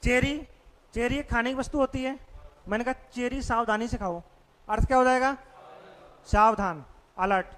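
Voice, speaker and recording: A man's voice: extremely high pitch, fairly even intonation, moderate pace, long pauses, fairly bright tone, long reverb tail. A male teacher giving a classroom vocabulary lesson, quizzing students with repeated questions. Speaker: English teacher.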